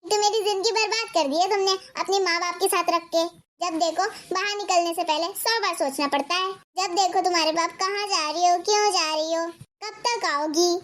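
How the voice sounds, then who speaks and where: A woman's voice: very high-pitched, normal speed, few pauses, fairly bright tone. A woman voicing a resentful young wife in a cartoon story, scolding and demanding. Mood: angry.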